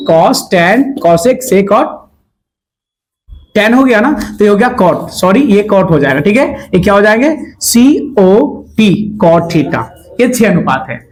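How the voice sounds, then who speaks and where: A man's voice: high-pitched, a little hiss or hum, poor audio. A man teaching a math class. He asks the students questions, answers them himself and repeats the key words. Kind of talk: classroom lecture.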